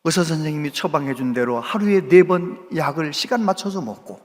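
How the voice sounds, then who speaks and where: A man's voice: on the high side, brisk. A male pastor preaching a sermon, telling a story with a voice that climbs and drops sharply. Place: large church sanctuary. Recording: church hall reverb.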